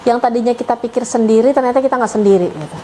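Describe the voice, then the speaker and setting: A woman's voice: fairly high pitch, racing, mellow, a little hiss or hum, poor audio. A middle-aged woman, earnestly telling her personal story with emotion. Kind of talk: personal testimony.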